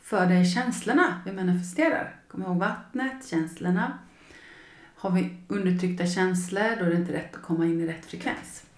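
A woman's voice: on the low side, roomy sound. A woman hosting a personal podcast as a coach, speaking emotionally and acting out her past feelings as she tells a story.

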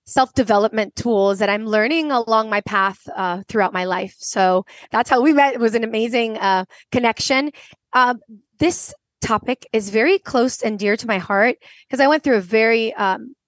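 A woman's voice: on the high side, dry recording. A woman in her forties from Venezuela, a podcast guest telling a personal story earnestly, with frequent restarts. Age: 40s.

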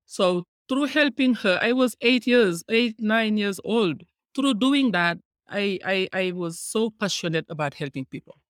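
A woman's voice: medium pitch, animated, unhurried, hardly any pauses, dry recording, studio quality. Middle-aged woman with a Senegalese accent. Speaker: podcast guest, philanthropist. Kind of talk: conversational personal storytelling.

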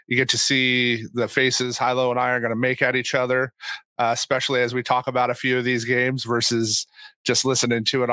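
A man's voice: medium pitch, bright, forceful tone, no room sound. A man hosting a sports podcast in a casual, chatty style. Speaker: podcast host.

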